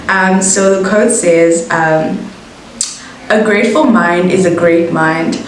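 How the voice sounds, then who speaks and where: South african woman, twenties, chatty vlogger, very echoey room, music playing underneath. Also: lowish voice. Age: 20s. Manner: chatty, laughs at herself, bubbly asides. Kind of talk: casual get-to-know-me chat. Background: background music.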